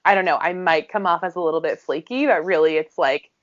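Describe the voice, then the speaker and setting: A woman's voice: lowish voice, quick pace. A woman from the United States co-hosting a podcast in casual chat, talking with giggly enthusiasm and many uses of "like". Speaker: podcast co-host. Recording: slightly dull, lo-fi audio.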